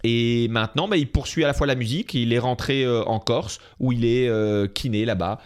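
A man's voice: mid-range voice, normal speed, a little mellow, smooth. A man, a comedian guest, chatting casually on a podcast and joking about himself. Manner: self-mocking, joking.

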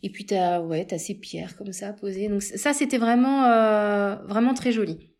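A woman being interviewed, chatting casually about a trip, animated and full of hesitations and repeated words. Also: mid-range voice, normal speed. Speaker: interview guest recounting a road trip.

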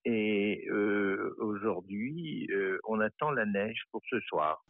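A man speaking as a guest over the phone, halting and repeating words as he answers questions in a live interview. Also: lowish voice, gravelly, no room sound. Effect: heard over the phone. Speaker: mystery guest on the phone, head of an association. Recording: tinny phone line, dry.

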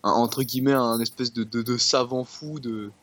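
A man's voice: medium pitch, steady tone, normal speed, a bit bright, no echo. A man, a guest football specialist on a casual podcast, rambling and repeating words. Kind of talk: casual sports podcast chat.

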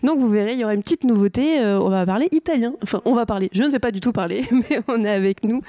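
A woman hosts a relaxed podcast interview, her fairly high voice often breaking into laughter between hesitant fillers. The sound is dry and close, with no room around it. She speaks casually, as if among friends. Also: quick pace, no room sound. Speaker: podcast host. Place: art gallery.

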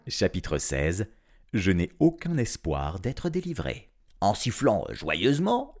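A man reading an audiobook aloud, narrating as a grumpy cat in a sardonic, animated first-person voice. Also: lowish voice. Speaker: storyteller.

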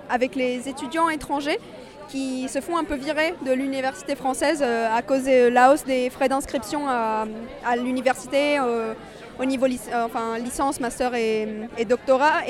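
High-voiced young woman at a rally. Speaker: master's student at a protest. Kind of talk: street interview answer.

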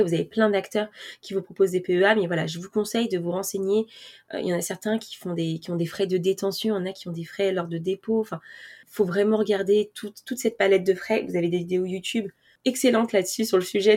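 With a mid-range, slightly mellow voice, this finance vlogger chats to her viewers and breaks things down step by step. She uses plenty of fillers and restarts and pokes fun at herself with the occasional laugh.

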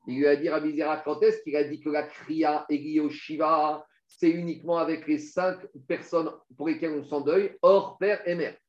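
A man's voice: a little high, little pitch movement, moderate pace, hardly any pauses, a little mellow. A man teaching a Talmud class, reading Aramaic passages and explaining them step by step, asking questions and answering them himself. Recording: dull, echoey room recording.

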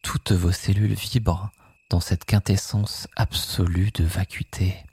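A sleep meditation guide narrating guided hypnosis in a soothing, hushed manner, softly echoing some phrases. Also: sits low, level tone, unhurried, slightly rough.

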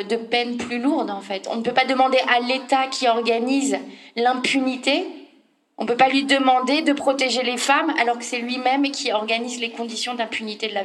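A woman's voice: on the high side, a little hiss or hum. A woman panel speaker explaining her views emphatically in an unscripted political discussion.

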